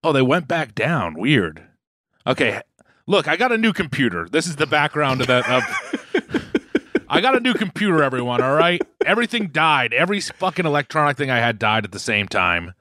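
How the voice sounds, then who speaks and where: Rambling Boston man, lively voice. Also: on the high side, moderate pace, no room sound, studio quality. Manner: rambling, repeats words, laughs often. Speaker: podcast co-host. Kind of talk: casual chat. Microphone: headphones, remote call.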